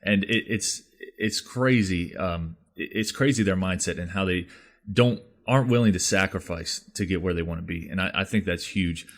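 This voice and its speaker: A man with a very deep voice hosting a casual podcast. He reacts with enthusiasm and rambles a little, using plenty of fillers as he goes. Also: moderate pace. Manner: enthusiastic, repetitive, with many fillers. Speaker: podcast host, realtor. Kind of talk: casual interview chat.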